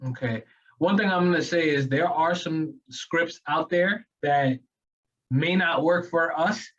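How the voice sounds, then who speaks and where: A man's voice: fairly high pitch, unhurried, recorded from a distance, dull audio. Laughing New Yorker man, off-mic. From New York. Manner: laughs often, animated and talkative. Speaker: real estate agent co-host. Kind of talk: casual training chat.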